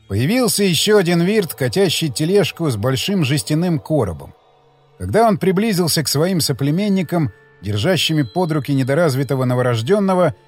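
Expressive male audiobook narrator. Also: a little high. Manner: steady, expressive storytelling.

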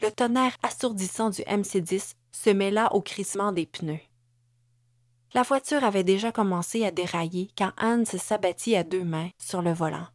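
A woman's voice: medium pitch, no room sound, clean studio sound. Québécois woman narrating a thriller audiobook. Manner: measured, dramatic reading. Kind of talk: scripted narration.

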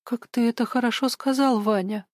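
A woman's voice: on the high side, measured pace, darkish tone, dry recording, studio quality. A woman voicing a tearful, frightened woman who mumbles and hesitates. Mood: touched.

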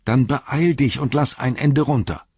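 A man's voice: mid-range voice, a little slow, slightly rough, no echo, lo-fi sound, pitched above the performer's own voice. A man voicing a shaken young male hobbit, calling up in a raised, tense voice in an audiobook reading. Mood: firmer.

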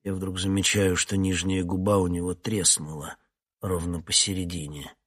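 A man's voice: deep voice, flat delivery, moderate pace, fairly bright tone. A man narrating a first-person story in a weary, wry audiobook reading.

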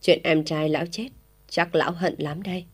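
A woman voicing a stern, hot-tempered middle-aged village man who gives gruff orders. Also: lowish voice, steady tone, normal speed. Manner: gruff, commanding.

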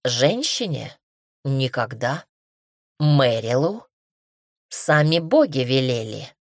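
A woman's voice: a bass voice, takes it slowly, no room sound, studio quality, heavily acted. A woman voicing a wry, teasing male mentor. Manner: calm, wry, gently mocking. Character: man, composed teasing mentor, dry wit.

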